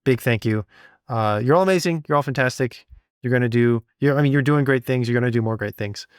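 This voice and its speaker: A podcast co-host who is also the show's sound designer talks casually and encouragingly, drifting into rambling, self-deprecating asides. His medium-pitched voice is clear and resonant, a little fast, captured in studio quality with no room sound.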